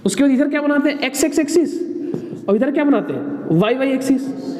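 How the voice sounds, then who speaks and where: A man's voice: very high voice, lively intonation, brisk, darkish tone. A man teaching engineering in a classroom, asking students questions and answering them himself. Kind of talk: classroom lecture. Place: classroom with a board. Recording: echoey classroom with long reverb, faint noise.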